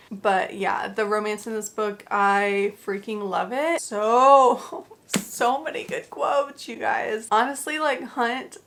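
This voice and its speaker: A woman's voice: medium pitch, a bit bright. A woman giving a casual, rambling book review, full of filler words and gushing asides.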